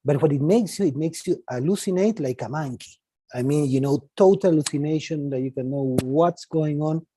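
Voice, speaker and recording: A man's voice: fairly high pitch, warm tone, breathy edge, no echo. A man in his forties from Chile with a Chilean accent, a native Spanish speaker, giving an informal talk and often tagging sentences with a questioning "no?". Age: 40s. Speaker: guest speaker.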